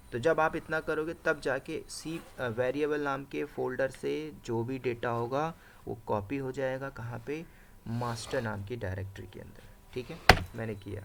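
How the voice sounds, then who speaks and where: A man's voice: mid-range voice, gravelly, noisy background. A man teaching a live command-line class, explaining each step and checking in with "right?" and "okay" as he types. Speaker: instructor. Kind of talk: live screen-share coding class.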